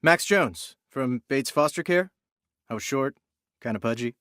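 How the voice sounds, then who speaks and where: A man's voice: mid-range voice, expressive, a little slow, fairly bright tone, no room sound. A cocky teen boy with a dry voice. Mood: friendly.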